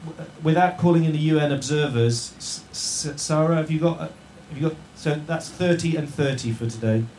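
A man hosting a live show to an audience in a yurt venue, jokey and halting, with many restarts and fillers. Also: on the high side, a little mellow. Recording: roomy tent echo, faint noise.

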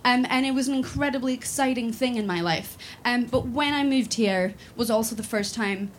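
At a moderate pace, a woman with a voice on the high side talks amid a little hiss or hum. She's Swedish, in her twenties, full of fillers and false starts at first, and then she delivers a refrain-driven spoken word poem.

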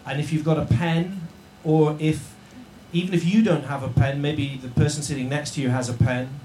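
A man hosting a live show to an audience in a yurt venue, jokey and halting, with many restarts and fillers. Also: fairly high pitch, steady tone, mellow. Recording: roomy tent echo, faint noise.

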